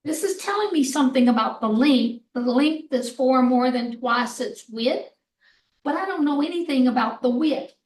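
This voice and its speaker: A woman math instructor with a hoarse voice, explaining a problem slowly step by step in a recorded lecture. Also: high-pitched, animated, darkish tone, a little hiss or hum. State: hoarse, clearing throat. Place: classroom. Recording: echoey room, mic far off.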